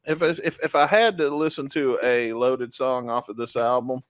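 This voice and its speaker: A man's voice: mid-range voice, normal speed, clear, resonant tone. A man with a mid-range voice chats casually as a music review co-host. The sound is dry, with no room echo. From Memphis, United States. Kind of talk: casual chat.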